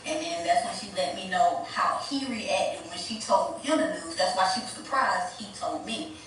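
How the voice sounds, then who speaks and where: A woman's voice: lowish voice, normal speed, fairly bright tone, faint music behind. Woman telling a candid story, echoey and distant. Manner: candid, rambling, swears freely. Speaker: vlogger. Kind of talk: casual storytime. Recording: roomy echo, distant mic, ambient noise.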